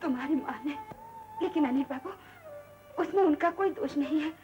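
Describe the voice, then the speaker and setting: A woman's voice: high voice, fast talker, darkish tone, lightly acted. An actress playing a humble, grieving maidservant who is secretly a mother, speaking in a pleading, tearful way, from an old film soundtrack with music. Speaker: maid thrown out, hidden mother. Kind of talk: 1960s film acting.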